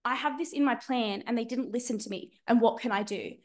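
A woman's voice: a little high, fairly quick, a little mellow. A young woman with an Australian accent, speaking as a student panelist, telling her own story in an emphatic, colloquial way to motivate others. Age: young adult. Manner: emphatic, colloquial, dramatic phrasing.

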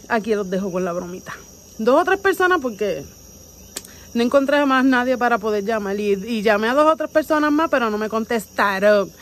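A woman in her thirties with a Puerto Rican accent, a vlogger making prank calls, chats playfully in slang on an outdoor porch at night, talking to camera and on video calls. Her fairly high voice is animated at normal speed, picked up close on a phone amid noisy insect sounds.

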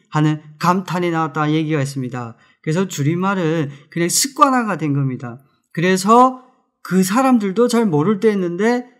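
Korean male English teacher, high voice, drills phrases slowly and with emphasis. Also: a bit bright. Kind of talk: spoken English lesson.

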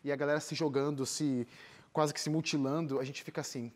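A young Brazilian-accented man, a singer and missionary volunteer, sits as an interview guest in a TV studio and tells personal stories casually and with animation. His voice is fairly high and darkish, with fairly even intonation and a slightly quick pace.

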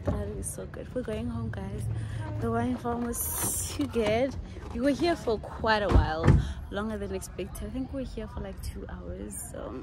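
A woman's voice: mid-range voice, moderate pace, reverberant, loud music behind the voice, rough recording. A woman in her twenties from South Africa, vlogging casually to a phone held at arm's length and chatting to her viewers. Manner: chatty, playful, addresses viewers as guys. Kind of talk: casual vlog chat to camera. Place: hotel lift and rooms, indoors.

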